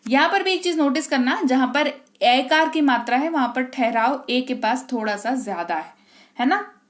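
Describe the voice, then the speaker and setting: A woman teaching an English reading lesson, drawing words out slowly and checking in often with the class. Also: sits high, expressive. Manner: drills words aloud, slow and stretched, with many check-ins to the class.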